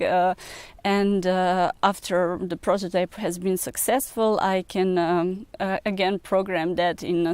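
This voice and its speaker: A young woman from Serbia with a Serbian accent, a researcher speaking in an interview, pausing often with many filler sounds. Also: medium pitch, a little mellow, smooth, no echo. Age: young adult. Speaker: researcher and PhD student. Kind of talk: recruitment video interview.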